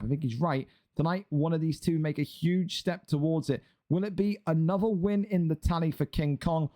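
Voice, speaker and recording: A man with a fairly high, mellow voice gives live, chatty commentary on an online boxing league. He hypes up the fighters and banters with viewers, tossing teasing asides to chat.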